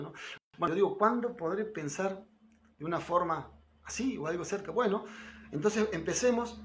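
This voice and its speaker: With a somewhat high, slightly bright voice over faint background noise, a middle-aged man leads a casual devotional class. He keeps it conversational, checking in through frequent tag questions, and raises his voice whenever he quotes someone.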